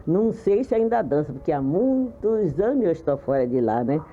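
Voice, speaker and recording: A woman's voice: lowish voice, very animated. Elderly woman on a tinny archive tape. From Brazil. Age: 70s. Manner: plain, unhurried reminiscing. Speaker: interviewee recalling her childhood. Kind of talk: oral history interview.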